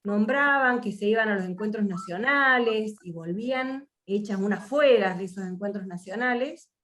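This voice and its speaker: A woman's voice: medium pitch, moderate pace, fairly bright tone, slight background noise. An Argentine woman from Mendoza leading an online workshop over a video call, speaking reflectively with frequent fillers and restarts. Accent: Argentine Spanish. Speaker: workshop facilitator.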